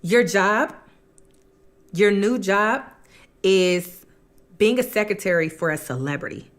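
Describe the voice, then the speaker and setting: A woman's voice: medium pitch, slow pace, close to an everyday voice. A woman voicing a scheming older fortune teller who gives coaxing, matter-of-fact instructions.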